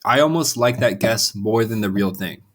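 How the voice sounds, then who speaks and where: A man's voice: on the low side, moderate pace. A man co-hosting a podcast, teasing and quizzing his co-host in casual chat.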